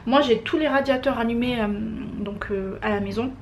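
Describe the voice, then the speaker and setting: A young woman talks to camera from her living room in a relaxed, chatty vlog. Her voice sits a little high, and she keeps stopping on hesitant fillers as she speaks straight to her viewers. A faint hum of room ambience stays behind her. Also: moderate pace. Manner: chatty, many "euh" fillers, addresses viewers as girls. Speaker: lifestyle vlogger.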